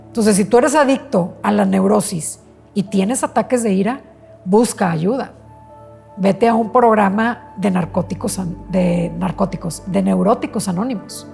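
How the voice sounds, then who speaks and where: Female psychologist, gravelly fry, unhurried advice-giving. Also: medium pitch, soft background music. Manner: calm, unhurried advice with frequent self-corrections. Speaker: psychologist and therapist. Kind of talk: self-help talk to camera.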